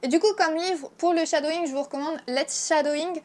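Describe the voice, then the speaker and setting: High-voiced chatty French woman teacher. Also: steady tone, a little fast, a little mellow. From France. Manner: chatty, frank, lots of fillers. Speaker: Japanese teacher and YouTuber. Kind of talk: casual video lesson.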